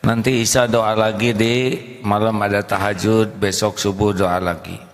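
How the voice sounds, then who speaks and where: A man's voice: lowish voice, normal speed. A male preacher telling a story in a sermon, acting out the characters. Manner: lively storytelling, acts out characters. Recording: echoey hall reverb.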